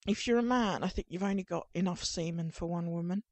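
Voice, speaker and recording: A woman's voice: on the low side, quick pace, darkish tone, no echo. An Englishwoman from Ipswich hosting a casual chat, rambling and teasing in a playful way. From England, Ipswich. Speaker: podcast host.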